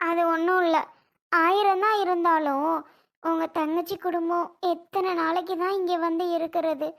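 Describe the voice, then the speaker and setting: Woman as a grudging young wife, very high voice, curt and evasive, family skit. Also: steady tone, normal speed, a bit bright.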